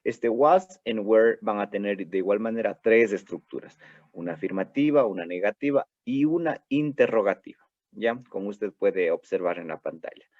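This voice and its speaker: A male English teacher with an Ecuadorian Spanish accent giving a recorded lesson, slowly drilling pronunciation and repeating forms for students. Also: lowish voice, expressive, darkish tone, no room sound. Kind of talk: recorded online class lecture. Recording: dull dry lo-fi recording.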